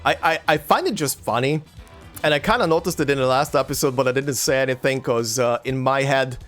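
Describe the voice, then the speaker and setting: Over soft background music, a medium-pitched, slightly bright voice chats casually with viewers during a let's play. The host is Croatian, and his English mixes American and British accents with a slight German tinge. He halts often, repeating words and using lots of fillers.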